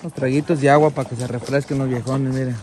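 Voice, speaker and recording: A man's voice: mid-range voice, fairly even intonation, fast talker, darkish tone. A Mexican man vlogging on the road, joking around in crude slang outdoors. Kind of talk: casual vlog on the road. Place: outdoors on a roadside. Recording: outdoor noise with traffic.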